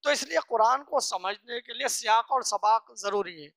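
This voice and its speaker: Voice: medium pitch, a bit bright, no room sound, studio quality. Earnest teacher explaining verse by verse. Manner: recites slowly, then explains phrase by phrase; earnest, instructive, asks and answers own questions. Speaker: religious teacher. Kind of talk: verse-by-verse scripture lesson.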